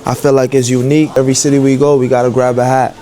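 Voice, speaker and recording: A man's voice: mid-range voice, level tone, rapid-fire, noisy background. A man hosting a fashion vlog, talking in a hyped, slangy, enthusiastic way. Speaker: vlog host. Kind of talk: casual vlog chat.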